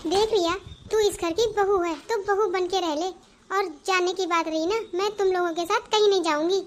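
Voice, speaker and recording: A woman's voice: very high-pitched, steady tone, moderate pace, a little hiss or hum. A woman voicing a bossy elder sister-in-law. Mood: stern. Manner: stern, warning. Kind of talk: Hindi cartoon voice acting.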